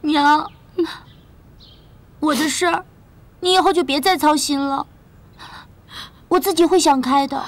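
A woman's voice: high voice, unhurried, pauses often. An actress playing a stubborn young woman, tearful and sobbing, in a period martial arts film. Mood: subdued. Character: young woman grieving a lost suitor, stubborn.

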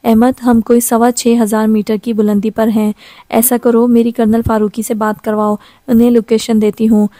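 A woman's voice: on the high side, level tone, moderate pace, warm tone, no room sound, natural voice. A woman reading a stranded young mountaineer woman. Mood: tense. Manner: snapping, exasperated.

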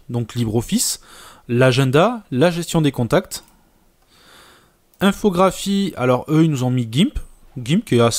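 Man presenter, relaxed casual tutorial, plenty of pauses and fillers, dry close sound. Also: mid-range voice, no room sound. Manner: relaxed, many filler hesitations. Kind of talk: casual screen-recorded tutorial.

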